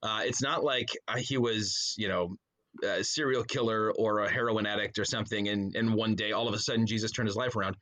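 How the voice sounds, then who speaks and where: A man appears as a guest on a podcast interview, talking casually in a rambling way and constantly cutting himself off with trailing asides as he tells stories. His voice is lowish and a bit bright, with fairly even intonation and a fairly quick pace.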